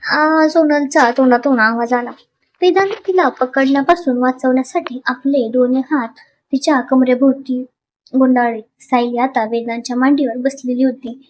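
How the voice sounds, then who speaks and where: A woman narrating a dramatic story in an expressive, animated way. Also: high voice, normal speed, a little hiss or hum.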